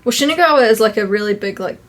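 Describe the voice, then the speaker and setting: Husky-voiced woman in casual chat. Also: on the high side, animated, very fast. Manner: chatty, many fillers, laughs often. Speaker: vlog co-host. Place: walking outdoors by a river.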